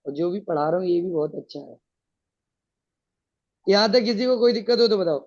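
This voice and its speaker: A man's voice: sits high, animated, brisk. A male teacher explaining a science lesson to students, patiently checking that they follow. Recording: dull lo-fi sound.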